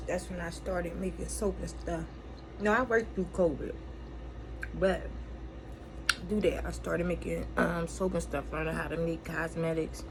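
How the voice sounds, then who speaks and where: Gravelly American woman, rambling candidly. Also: lowish voice. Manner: candid, blunt, profane, emphatic. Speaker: vlogger. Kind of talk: rambling casual confessional chat. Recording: clearly noisy room ambience.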